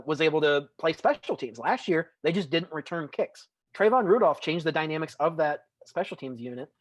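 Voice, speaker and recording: A man's voice: a little high, dry recording. A man co-hosting a casual college football podcast, rambling and stumbling over words with a dry sense of humor. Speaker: co-host. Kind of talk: casual sports podcast chat.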